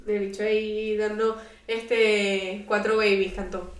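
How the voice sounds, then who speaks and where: A woman's voice: medium pitch, flat delivery, slow pace. A woman co-hosting a podcast, gossiping and laughing often in casual chat. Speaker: podcast co-host. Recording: echoey room, distant mic.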